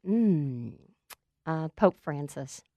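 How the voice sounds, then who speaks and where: Middle-aged interview guest, woman, lowish voice, playful short answers, dry close sound. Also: animated, very slow, dark tone, no echo. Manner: playful, laughs easily, answers briefly. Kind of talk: casual rapid-fire Q&A.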